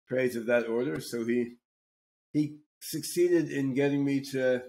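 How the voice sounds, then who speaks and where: Introducing the talk on his casual podcast, a man with a middle-pitched, somewhat mellow voice keeps stumbling over repeated words. He halts often and restarts his sentences.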